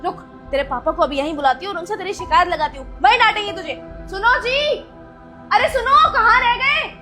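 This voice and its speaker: A woman acting as a young mother of a seven-year-old girl, scolding loudly at times and speaking gently at others, in a family drama skit. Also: very high-pitched, lively intonation, fast talker, soft background music.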